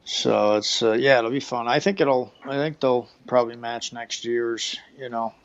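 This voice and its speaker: Flat-toned man on a dull lo-fi call. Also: medium pitch, moderate pace. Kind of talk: casual chat.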